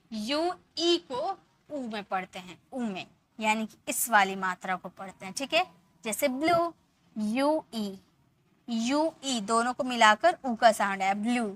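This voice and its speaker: A woman's voice: on the high side, fairly bright tone. A woman teaching English pronunciation rules, patiently repeating example words and asking her students questions.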